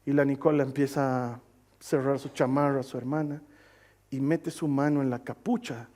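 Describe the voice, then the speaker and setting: A man preaching a sermon as pastor, telling a story with lively swings between loud and quiet delivery and asking his congregation to read along. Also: medium pitch, normal speed. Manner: asks the congregation to read scripture aloud with him.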